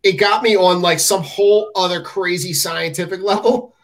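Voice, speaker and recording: A man's voice: sits high, steady tone, low-quality recording. A man who teaches science, chatting on a podcast with friends, stumbling over and repeating his words. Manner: halting, repeats words, laughs often. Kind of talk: casual podcast chat.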